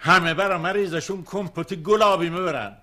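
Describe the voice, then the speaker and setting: A man's voice: high-pitched, bright, forceful tone. An actor playing a stubborn, grumbling bedridden old father who complains to his son. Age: older. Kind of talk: TV comedy drama.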